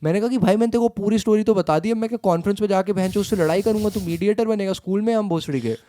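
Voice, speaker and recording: A young Indian man with a high voice tells a story on a casual podcast. He rants in a heated, profane way, switching between Hindi and English. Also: very fast, dark tone, slight background noise. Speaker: podcast co-host.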